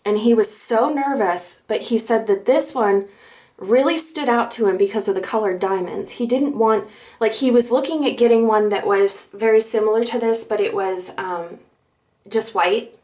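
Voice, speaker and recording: A young woman vlogger excitedly telling a personal story, giggly and bubbly, acting out both sides of a conversation. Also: medium pitch, moderate pace. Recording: echoey room.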